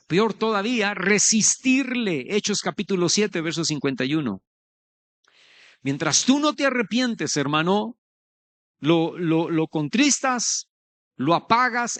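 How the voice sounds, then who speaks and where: A man's voice: high voice, fairly bright tone, no room sound. A man preaching a sermon as pastor, earnest and conversational, speaking straight to his listeners.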